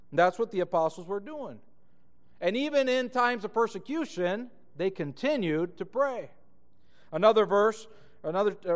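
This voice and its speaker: A high-voiced man from Argentina delivers a sermon as a pastor. He is earnest and emphatic, and he slows down deliberately when he reads scripture. A long reverb from a large hall trails each phrase.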